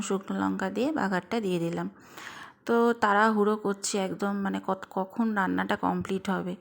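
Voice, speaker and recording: A woman's voice: medium pitch, vocal fry, reverberant. A woman in her thirties chatting casually to her viewers while she cooks and cleans in her home kitchen. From Bengal. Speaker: vlogger. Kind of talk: casual vlog narration to viewers.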